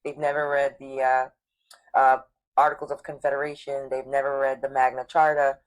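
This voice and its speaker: A woman's voice: extremely low pitch, moderate pace, poor audio. A woman guest in a casual conversation, talking animatedly and acting out what other people say. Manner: animated, acts out quotes of people.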